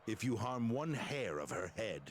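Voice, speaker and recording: Slow, low-voiced bounty hunter. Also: male voice, very animated, soft background music. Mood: terse, demanding. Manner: stilted, wooden bad acting. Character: terse male bounty hunter hero. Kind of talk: video game dialogue.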